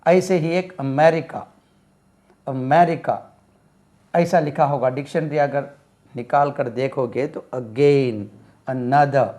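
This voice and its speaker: A man's voice: mid-range voice, steady tone, takes it slowly, long pauses, mellow. A man teaching English pronunciation, explaining step by step and repeating words to model sounds. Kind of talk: classroom explanation.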